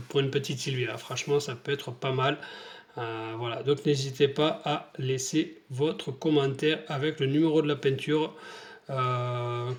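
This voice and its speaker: A man talking casually in a hobby vlog, hesitant and rambling with many fillers, showing paint tests to the camera. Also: medium pitch. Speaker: scale model hobbyist.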